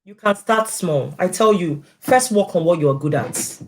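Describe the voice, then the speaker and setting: A woman's voice: on the low side, animated, a little slow. A woman speaking as a guest in an informal interview. She tells her experiences with animation, acting out quoted conversations in the voices of the people involved. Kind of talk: casual interview chat.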